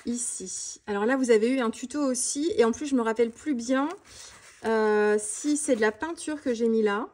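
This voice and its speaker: Quick-chatting woman, slightly high voice. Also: a little mellow. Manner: fast talk with many fillers and restarts. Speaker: mixed-media art vlogger. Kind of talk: casual tutorial chat showing art supplies.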